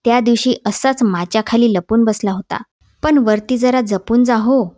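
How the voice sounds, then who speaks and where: A woman's voice: a little high, moderate pace, darkish tone, no echo, lightly acted. A woman reading a stern scolding mother. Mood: coaxing. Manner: firm, scolding. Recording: dull dry voice-over.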